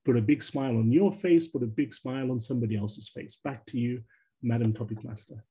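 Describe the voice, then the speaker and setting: A man wrapping up an impromptu club speech over a video call in a relaxed, encouraging way before handing back to the moderator. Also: mid-range voice, brisk, slightly rough. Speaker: club member finishing a speech.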